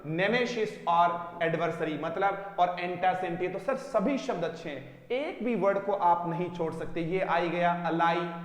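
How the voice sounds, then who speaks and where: High-pitched, slow, echoey vocabulary teacher. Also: male voice. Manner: addresses students as dear children, asks and repeats answers. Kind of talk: online vocabulary class. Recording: echoey room with long reverb.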